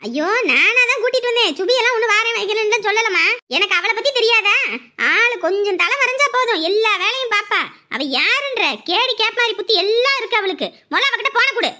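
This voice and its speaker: A woman playing a protective grandmother who bickers and scolds in quick, sharp talk. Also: very high-pitched, lively intonation, exaggerated voice. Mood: defensive. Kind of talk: family drama acting.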